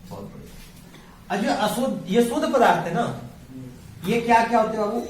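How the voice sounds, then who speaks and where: A man's voice: very high voice, moderate pace. A male teacher giving a classroom science lesson, firing repeated questions at the students and answering them himself in a call-and-response drill. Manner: calls students "babu" affectionately. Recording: echoey room, voice far from mic, background noise.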